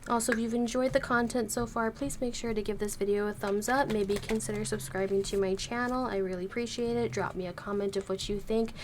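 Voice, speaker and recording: A woman giving a tarot reading keeps an easy, careful pace to spare her slightly sick, hoarse voice, though she speaks a little fast with hardly any pauses. Her tone is gentle, pitch middling and intonation fairly even, with a faint hiss beneath.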